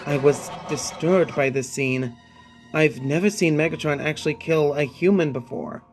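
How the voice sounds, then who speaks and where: A man reading a scripted creepypasta as narrator, with music playing behind him. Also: a little high. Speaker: horror story narrator. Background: background music.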